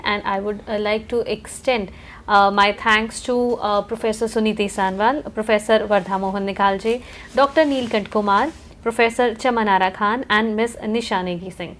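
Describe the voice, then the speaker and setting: A woman with an Indian accent hosting a live educational programme in a formal, courteous manner. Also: on the high side. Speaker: host of live educational broadcast.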